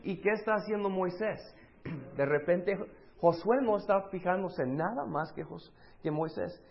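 A man preaching a lively sermon, slipping into the voices of the people in his story. His voice sits fairly high with a gravelly edge. The recording sounds dull and lo-fi. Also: a little slow, slight background noise. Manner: acts out quoted voices, shifts between loud and hushed.

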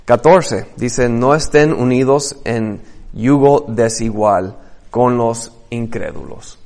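Pastor: animated sermon delivery, scripture reading, acted-out dialogue. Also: male voice, mid-range voice, takes it slowly. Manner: animated, acts out biblical dialogues, reads scripture aloud.

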